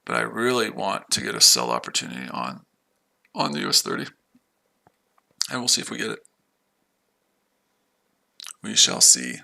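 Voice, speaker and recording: A man's voice: fairly low pitch, very animated, normal speed, gravelly, pauses often, bright, forceful tone. An American man casually chatting on a livestream while trading, rambling and talking to his viewers. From United States. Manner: rambling, repeats himself, chats with viewers. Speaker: livestream trader.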